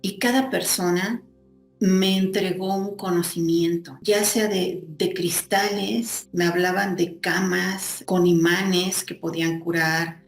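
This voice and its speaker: A woman's voice: on the low side, fairly even intonation, slow, faint music behind. A woman recounting a personal experience as an interviewee, in an earnest, reflective way. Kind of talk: personal testimony. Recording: roomy echo.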